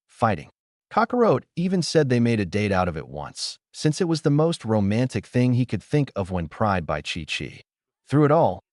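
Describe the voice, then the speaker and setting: Guy reading a fanfic aloud, low voice, really animated delivery. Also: dry recording, studio quality. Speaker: narrator. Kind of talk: storybook narration.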